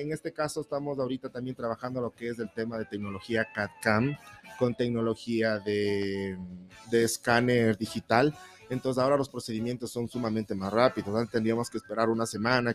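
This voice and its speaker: Ecuadorian highland guy, mid pitch, folksy dentist chatting in an interview, soft music behind. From Baños, Ecuador. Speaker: dentist guest. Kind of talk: informal interview explaining services.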